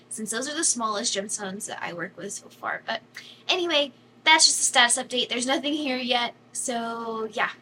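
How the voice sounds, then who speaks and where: A woman with a fairly high, bright, forceful voice vlogs casually from her home workshop. She chats and talks to herself while working, now and then dropping to a whisper. The distant camera mic catches her from across the room, along with faint room noise.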